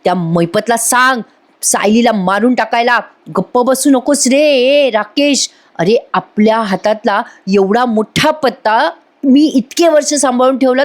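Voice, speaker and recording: A woman's voice: on the high side, lightly acted. A woman doing a frantic, furious young woman prisoner. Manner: shouting, frantic, repeating denials.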